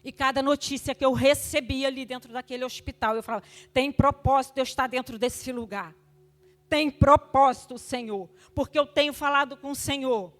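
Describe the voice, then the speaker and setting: An older woman giving an emotional testimony at a church service, fervent, moving between loud exhortation and hushed tones. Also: high-pitched, a little fast, hardly any pauses.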